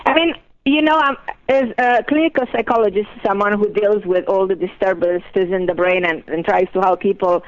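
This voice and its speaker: A woman's voice: mid-range voice, moderate pace, muffled recording. Romanian-accented woman calling in by phone. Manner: hesitant, searching for words. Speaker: guest caller, psychologist. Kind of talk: phone-in interview.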